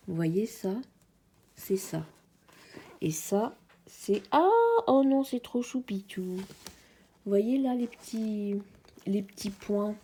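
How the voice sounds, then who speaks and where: A woman's voice: mid-range voice, warm tone, husky. A woman with a French accent chatting casually to her viewers as she unboxes a craft kit, hesitant and friendly, often speaking to them directly. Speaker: craft vlogger.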